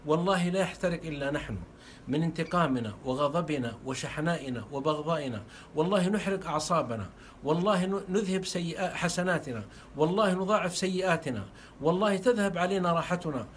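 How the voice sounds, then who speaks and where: A man's voice: on the high side, fast talker, a little hiss or hum. A man delivering a fervent sermon, repeating phrases for emphasis. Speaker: preacher.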